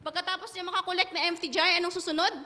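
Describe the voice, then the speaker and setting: A woman tells a Bible story to children, her voice very high and bright as it rings through the long echo of a church hall. She keeps asking the children questions and calling on them by name, drawing out key words slowly. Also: little pitch movement. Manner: slow and drawn out at key words.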